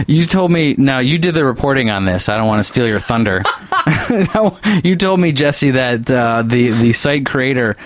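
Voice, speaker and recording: A man hosts a talk radio show with a deadpan, self-mocking sense of humor. His voice sits at an ordinary middle pitch. It sounds dry and close, with no room in it. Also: moderate pace, no room sound. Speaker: radio host. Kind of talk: casual comic chat.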